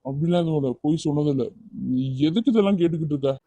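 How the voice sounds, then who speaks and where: A man's voice: fairly high pitch, very fast, warm tone, no room sound, close to an everyday voice. A man voicing an evasive young man who gets defensive and irritated when questioned, in a cartoon. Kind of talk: cartoon voice acting.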